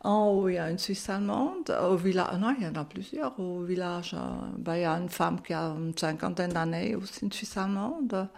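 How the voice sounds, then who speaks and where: An older woman from German-speaking Switzerland, raised on Swiss German, chats through her life story in French with a Swiss German accent as an interviewee. Her voice is low-ish, creaky and a little mellow, moving at a moderate pace with hardly any pauses. She laughs often and sprinkles in "hein" and "euh."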